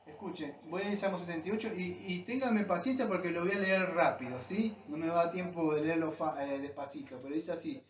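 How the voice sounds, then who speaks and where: A man's voice: on the high side, a little fast, hardly any pauses, a little hiss or hum. A man preaching a sermon as a pastor, often calling his listeners "amados" and breaking off to restart his sentences. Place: church hall. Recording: echoey, distant, dull church recording.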